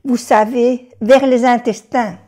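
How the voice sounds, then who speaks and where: An older woman teaching French phrases in a lesson, patiently repeating each phrase slowly. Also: a little high, steady tone, warm tone. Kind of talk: language lesson.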